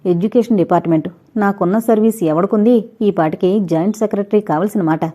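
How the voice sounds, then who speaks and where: A woman's voice: mid-range voice, brisk, warm tone, lightly acted. A woman voicing a boastful, quarrelsome middle-aged woman clerk who curses her juniors, in an audiobook. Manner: brash, cursing, boastful.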